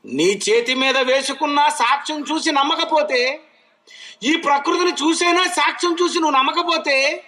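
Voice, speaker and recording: A man preaching a sermon, throwing questions at his listeners and moving from loud calls to low asides. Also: rough recording.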